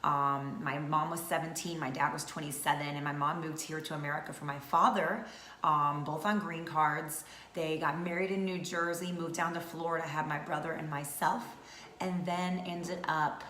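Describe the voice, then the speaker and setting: A woman's voice: low voice, steady tone, normal speed, pushed and bright. A woman in her thirties from North Georgia, chatting casually to camera as a vlogger with many fillers. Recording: echoey room with faint noise.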